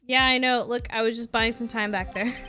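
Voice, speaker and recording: Woman doing an earnest young lawyer guy from a game, high voice, insistent, music behind. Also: fairly even intonation, brisk, pushed and bright. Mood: thoughtful. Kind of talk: reading video game dialogue aloud.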